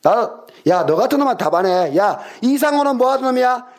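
A man's voice: extremely high pitch, big pitch swings, fairly quick, slight background noise. A middle-aged man in a heated phone argument with his younger brother, hurling insults and taunting questions. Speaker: older brother.

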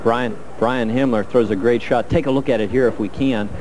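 A man calls a bowling match as the color commentator, talking through each release and pin fall like a coach. His mid-range voice comes through an old television broadcast with a clear hiss under it. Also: medium pitch, steady tone, moderate pace. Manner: analytical, coaching-style breakdown of shots.

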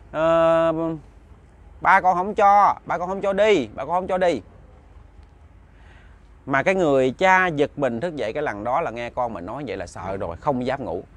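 A man with a Southern Vietnamese accent telling a ghost story in a chatty, casual way, speaking directly to his listeners. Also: on the high side.

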